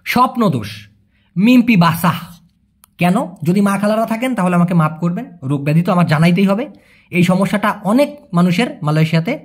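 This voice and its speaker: A man teaching a casual language lesson, chatty and joking, often asking his listeners whether it is clear. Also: high-pitched. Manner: chatty, explains with repeated questions and jokes.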